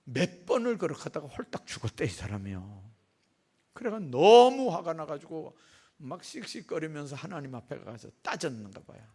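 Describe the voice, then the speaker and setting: Animated preaching pastor, man. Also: a little high, moderate pace, breathy edge. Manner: storytelling with acted quotes and rising emphasis. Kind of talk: sermon. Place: church sanctuary.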